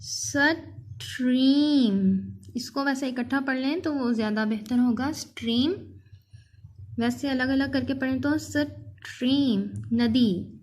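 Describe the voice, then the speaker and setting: A woman teaching an English vocabulary lesson, drawing out each word slowly before explaining it quickly. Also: sits high, steady tone, darkish tone. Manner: slow, drawn-out word readings followed by quick explanations.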